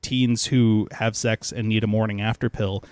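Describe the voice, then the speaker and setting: A man's voice: lowish voice, fairly even intonation, moderate pace, a little mellow, clear, resonant tone, no room sound. A man co-hosting a casual movie podcast, speaking earnestly and thinking aloud with fillers. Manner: thoughtful, earnest, works through points with fillers. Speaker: podcast co-host.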